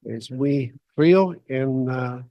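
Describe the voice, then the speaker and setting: A man with a North American English accent that carries into his imperfect Spanish, a native English speaker giving a halting conference talk as guest lecturer. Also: mid-range voice, dry recording, dull audio. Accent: North American English accent, also when speaking Spanish. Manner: halting, with short phrases.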